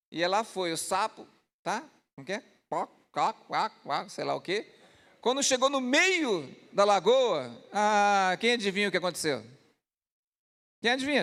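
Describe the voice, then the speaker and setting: A male pastor preaching a lively storytelling sermon at a church service, often asking the congregation rhetorical questions. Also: sits high.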